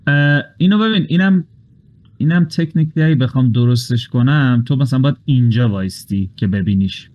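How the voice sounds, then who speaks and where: A man's voice: mid-range voice, darkish tone. A man running a tabletop game as game master, walking the players through the rules step by step and dropping English game terms into his speech.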